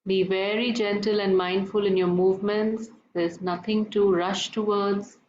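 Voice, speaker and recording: Woman teaching breathing class, gentle soothing murmur, dull echoey audio w bit of noise. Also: medium pitch, level tone, measured pace. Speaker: yoga breathing class instructor. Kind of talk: guided relaxation and breathing instruction.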